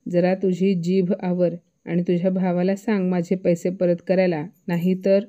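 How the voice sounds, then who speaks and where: A woman's voice: lowish voice, level tone, moderate pace, warm tone, highs cut off, natural voice. A woman doing a scolding suspicious mother-in-law. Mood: angry. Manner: accusing, scolding. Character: sharp-tongued suspicious older mother-in-law.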